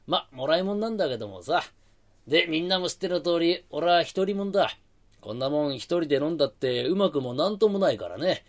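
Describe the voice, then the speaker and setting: A rough-tongued Edo tenement ringleader herds his pals along, as a man acts him out. His gruff delivery swings animatedly up and down. He is bossy and quick to scold in a rakugo storytelling style. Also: on the high side, animated. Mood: coaxing.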